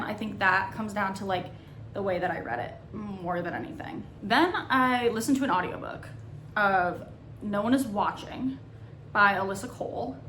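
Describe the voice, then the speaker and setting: A woman's voice: mid-range voice, a bit bright. A woman giving a casual, chatty book review in a conversational, informal way with slang and emphatic rephrasing. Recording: roomy echo, clear background noise.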